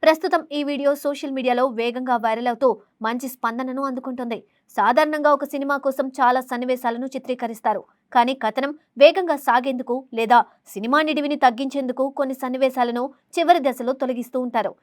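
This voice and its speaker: High, brisk woman reading film news. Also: fairly even intonation, dry recording, clean studio sound. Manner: formal reading delivery. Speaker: entertainment news narrator. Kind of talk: scripted film news narration.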